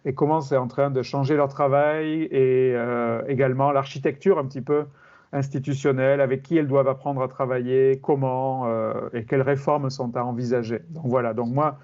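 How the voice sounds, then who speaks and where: A middle-aged man from France, a criminology professor explaining his field in an interview, measured and hesitant with many fillers. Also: mid-range voice, little pitch movement, a little mellow, muffled recording.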